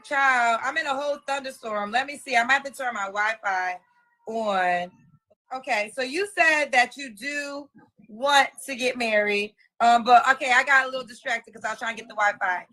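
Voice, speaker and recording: A woman hosting a live-stream dating interview, firing off quick questions and repeating the answers back. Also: a little high, sharp tone.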